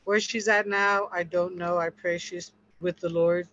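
A woman's voice: lowish voice, steady tone, a little slow, a bit bright. Earnest woman sharing testimony, lo-fi. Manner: earnest, storytelling, acts out quotes with laughter. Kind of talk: casual testimony in a group discussion. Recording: dull lo-fi sound.

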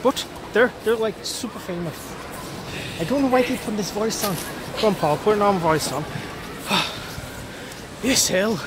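A man's voice: high voice, measured pace, long pauses. A young man chatting casually to camera as a vlogger. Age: young adult. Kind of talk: casual vlog chat. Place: large indoor snow slope hall. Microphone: handheld phone at arm's length. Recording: noisy, roomy indoor hall ambience.

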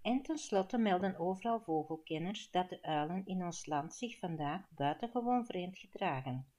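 A woman's voice: on the low side, animated, normal speed, dark tone. A Flemish woman reading an audiobook, voicing a male TV newsreader in a formal announcing manner.

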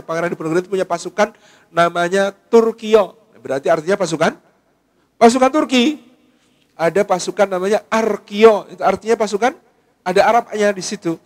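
A man giving a lively, jokey talk as a preacher presenting a book, with frequent conversational fillers. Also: fairly high pitch. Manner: animated, jokey, heavy use of conversational fillers. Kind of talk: lively lecture to an audience.

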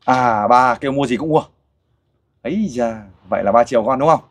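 A middle-aged man hosting a casual interview, coaxing and animated as he questions a child and a father. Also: mid-range voice, normal speed. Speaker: host interviewer for a volunteer group.

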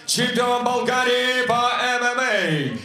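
An older man working as a boxing ring announcer, introducing fighters formally and theatrically with drawn-out, shouted names. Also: lively intonation, soft background music. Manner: formal, theatrical, booming delivery. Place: fight ring in a covered arena. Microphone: handheld microphone. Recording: echoing arena PA sound.

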